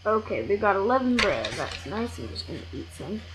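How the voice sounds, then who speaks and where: This gamer talks briskly at medium pitch, offering casual, rambling play-by-play of a block-building game with self-corrections and abrupt excited outbursts, recorded at home on a computer amid background noise.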